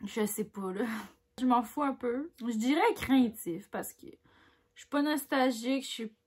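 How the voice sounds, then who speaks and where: Woman, Québécois accent, high voice, casual quiz-answering vlog, candid and talkative. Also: unhurried, slightly rough. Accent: Québécois French. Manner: chatty and candid, reads each question louder then mulls over answers with little laughs. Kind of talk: casual chat, reading quiz questions aloud and answering them.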